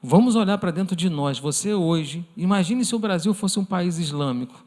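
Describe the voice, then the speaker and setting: Brazilian male preacher, high voice, earnest, church hall reverb. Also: animated, normal speed. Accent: Brazilian Portuguese. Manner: earnest, addresses listeners as brothers; acts out imagined prayers in a softened voice. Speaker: church teacher. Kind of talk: church lesson sermon.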